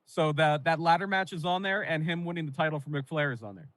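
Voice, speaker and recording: A Pennsylvania man co-hosting a casual wrestling podcast tells rambling, nostalgic stories full of fillers. His voice is fairly high and fairly bright, and he talks quickly. The rough recording has no echo.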